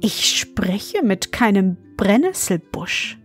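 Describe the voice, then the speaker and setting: A woman voicing a haughty, quick-tempered young bride in a fairy tale, with a sharp, scolding manner. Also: mid-range voice, very animated, soft background music. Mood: evasive.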